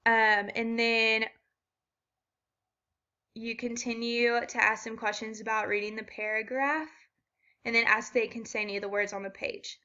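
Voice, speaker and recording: A woman's voice: fairly high pitch, level tone, normal speed, long pauses, bright, forceful tone, lo-fi sound. A woman walking through a children's reading assessment step by step, with frequent ums. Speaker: student teacher explaining an assessment.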